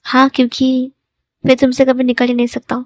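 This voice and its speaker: A devoted young man, possessive and quick to jealousy, as a woman storyteller reads him. He answers in short, plain lines, in a fairly high voice recorded close and dry. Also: monotone, dry recording, natural voice. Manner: short, quiet replies.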